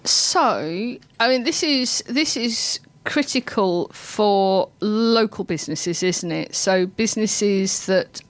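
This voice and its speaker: A woman hosting a radio show, chatty and giggly, with a self-deprecating, warm-hearted way of talking. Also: medium pitch, lively intonation, slow pace, few pauses. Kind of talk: casual radio chat.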